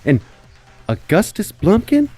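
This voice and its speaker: A man's voice: huge pitch swings, slow, warm tone, slightly rough, dry recording, soft background music, heavily acted. A man voicing a woman who is astonished to see old friends in a tabletop game. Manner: breathless disbelieving high voice.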